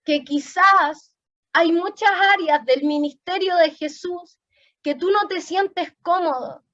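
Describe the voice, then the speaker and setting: A woman's voice: extremely high pitch, slow, a bit bright, muffled recording. A woman preaching a sermon, telling an emotional testimony.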